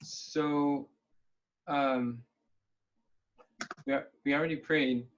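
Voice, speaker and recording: A man's voice: medium pitch, steady tone, very slow, slight background noise. A man leading a casual planning call over a video link, thinking aloud in an upbeat way. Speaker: meeting leader. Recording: dull lo-fi call audio.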